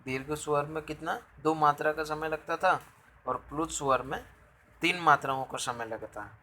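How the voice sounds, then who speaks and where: A man teaching a grammar lesson, explaining slowly, asking rhetorical questions and sounding out examples. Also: fairly high pitch, steady tone, pushed and bright, a little hiss or hum, low-quality recording.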